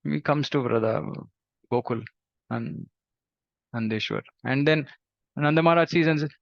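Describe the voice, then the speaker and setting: A man telling a devotional story in an animated way, acting out the characters' lines. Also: normal speed, creaky, no room sound. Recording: dull, dry low-fidelity recording.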